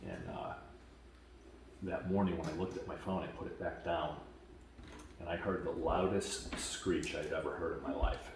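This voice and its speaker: A man from Washington state gives a camp testimonial as casual, halting storytelling with many fillers, growing lively as he retells events. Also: a bass voice. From Washington state, USA. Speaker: camp attendee giving a testimonial. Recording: very echoey, distant mic, faint noise.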